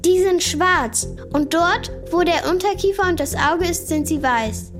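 A curious young questioner exclaims and asks in a high voice. The manner is inquisitive and easily amazed, in a scripted children's audio feature with light music behind. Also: female voice, a little slow.

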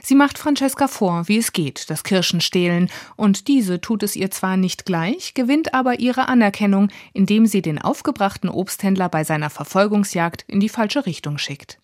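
A woman's voice: mid-range voice, normal speed, hardly any pauses, a little mellow, dry recording, clean studio sound. A woman reading a scripted book review for radio.

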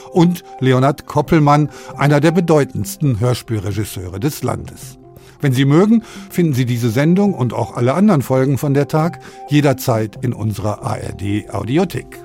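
A radio host presents a talk programme from a studio, alternating between scripted moderation and interview questions. His voice is medium-pitched with a somewhat dark tone.

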